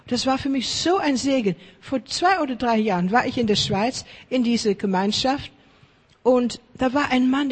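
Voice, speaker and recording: A woman preaching a sermon in lively, chatty talk, often checking in with her listeners, with slightly broken grammar. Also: a little high, breathy edge, in a large hall.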